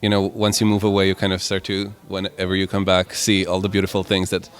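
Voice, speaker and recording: A young man in his twenties from Croatia, answering interview questions in a relaxed, rambling way. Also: low voice, fast. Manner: relaxed, rambling with many "like" and "kind of" fillers. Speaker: musician guest.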